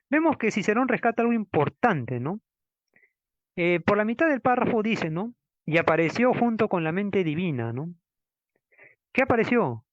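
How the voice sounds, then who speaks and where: A man giving a law lecture with slides, in a teaching manner full of tag questions and slow stress on Latin words. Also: sits high, no echo. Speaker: law professor. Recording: dull, dry lo-fi lecture recording.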